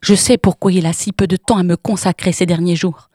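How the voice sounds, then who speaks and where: A woman voicing a coarse, jealous young woman who shouts with harsh, sneering contempt in an audiobook reading. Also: lowish voice, steady tone, fairly quick, breathy edge, dry recording, studio quality. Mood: furious.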